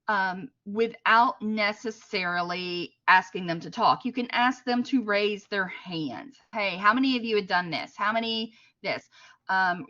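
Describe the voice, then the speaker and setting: Woman, Southern US accent, chatty unhurried webinar trainer, frequent fillers, muffled desk-mic sound. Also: mid-range voice, pushed and bright. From American South. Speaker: library trainer. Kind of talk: webinar presentation. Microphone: computer mic at a desk.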